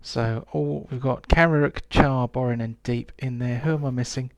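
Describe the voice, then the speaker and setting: Brief: male game master narrating a tabletop game, mid-pitched and halting, recorded dry. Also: fairly even intonation, no room sound. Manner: halting, many fillers.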